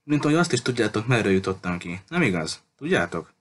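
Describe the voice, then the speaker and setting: A man's voice: lowish voice, sing-song, slight background noise. A man voicing a distraught teenage boy who keeps pressing for answers in an audiobook reading. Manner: pleading, urgent questioning.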